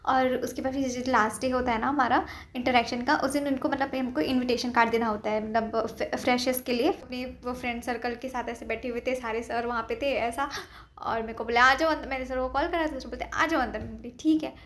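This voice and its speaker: Young woman, high voice, rapid chatty storytelling, faint room ambience. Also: a little hiss or hum. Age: young adult. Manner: animated, quotes others in lively acted voices. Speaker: medical student. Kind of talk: casual storytelling vlog.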